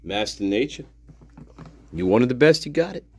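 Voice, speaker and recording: A livestream host rants about a video he's playing, his commentary profane, heated and repetitive. He speaks at a normal speed in an animated, mid-range voice that is darkish and slightly rough.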